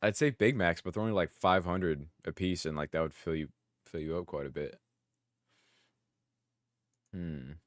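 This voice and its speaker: A man's voice: sits low, moderate pace, long pauses, no echo, clean studio sound. A man reacting to videos in casual, profane commentary, blurting out his thoughts. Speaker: reaction streamer.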